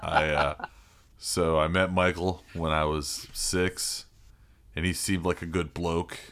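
A man's voice: low-pitched, level tone, slow, fairly bright tone, heavily acted. A man doing a comic, put-on Queensland Australian accent as a matey, easygoing young bloke from Brisbane in casual chat. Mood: matey, mocking.

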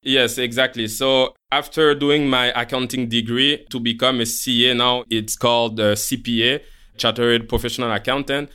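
A Haitian podcast co-host who works as a portfolio manager explains his career conversationally in an interview. He is a native Creole and French speaker with a Haitian French accent. His medium-pitched voice is level, moderately paced, bright, forceful, clear and resonant.

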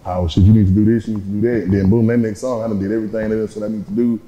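A deep-voiced man, a rapper appearing as a guest, speaks very fast in a level tone during a casual interview, relaxed and full of slang as he talks about his life. Background noise accompanies the echoey room sound.

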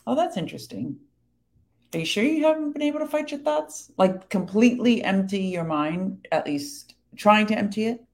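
A woman in casual faith talk, earnestly explaining and reading scripture verses slowly. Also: medium pitch, animated, a little mellow.

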